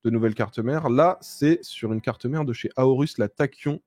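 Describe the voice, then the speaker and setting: A man co-hosting a casual tech news show, reading out the news in a relaxed way with hesitations. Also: medium pitch, moderate pace, dry recording.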